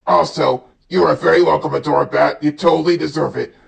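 Brief: woman voice actress, relaxed slow chat, gravelly edge, roomy echo with faint music behind. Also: sits low, distant mic. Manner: slow, chatty, laughing often. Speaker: voice actress reacting to a fan-made premiere. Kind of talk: casual vlog reaction.

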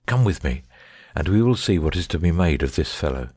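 Audiobook drama: cool Victorian detective male actor, low and expressive voice, unruffled, close dry recording. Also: brisk, slightly rough, no echo. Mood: pleased, musing. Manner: careless, bland, unruffled. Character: shrewd, self-assured Victorian gentleman detective.

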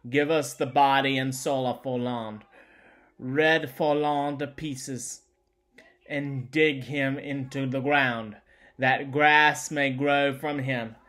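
A man reading out the vengeful cries of frenzied, starving women in a halting manner. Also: medium pitch, steady tone, fairly bright tone. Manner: halting, repeating words.

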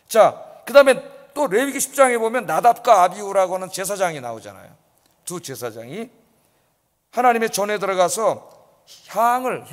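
Male pastor, high voice, emphatic sermon delivery, long church reverb. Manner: emphatic preaching, rhetorical questions to the congregation. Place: church sanctuary.

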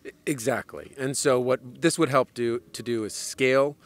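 A man, a trade association president giving measured interview answers outdoors into a handheld mic, with frequent fillers. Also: medium pitch, fairly even intonation. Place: outdoors on a lawn. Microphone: handheld mic held by interviewer.

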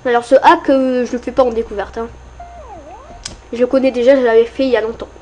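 A woman giving casual gameplay commentary, excitable and often yelling and cursing at enemies, with faint game music behind. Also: fairly high pitch, fast talker. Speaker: let's play gamer.

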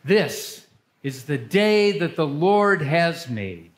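Older guy pastor reading church liturgy, real slow and solemn, slightly high voice. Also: very animated. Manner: measured, solemn phrasing. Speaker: pastor leading worship. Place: church sanctuary, speaking to congregation.

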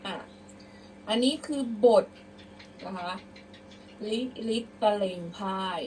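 A woman's voice: medium pitch, darkish tone, distant mic, slight background noise, rough recording. A young adult woman teacher giving an online lesson, reading verse aloud and patiently explaining pronunciation word by word. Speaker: schoolteacher.

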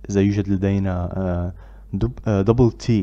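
A man teaching English pronunciation, who repeats drill words loudly and pauses with filler sounds between phrases. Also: sits low, fairly even intonation, dull audio. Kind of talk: pronunciation lesson.

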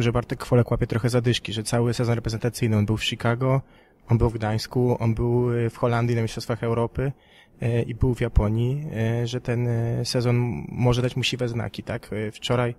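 Co-host, male, mid pitch, flat and detailed. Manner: detailed, runs through players and results. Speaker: podcast co-host. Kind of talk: casual sports podcast discussion.

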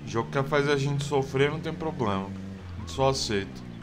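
Music plays behind this let's play host as he rambles about his survival game in a mid-range voice with lively intonation. He speaks fairly quickly with a Brazilian Portuguese accent and leans on lots of fillers.

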